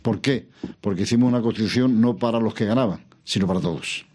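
An older man answering interview questions about politics in a measured, reflective way, pausing and restarting, asking himself questions. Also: fairly low pitch, darkish tone. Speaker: interview guest, former regional president.

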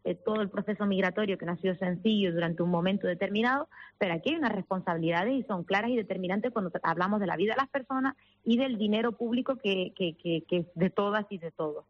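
On the phone for a radio interview, a woman from the Canary Islands who works as a lawyer for minors and immigrants speaks in earnest, repeatedly restarting and filling pauses. Her Canarian accent shows Castilla-La Mancha influence, her voice is mid-range with a quick pace, and the audio is lo-fi.

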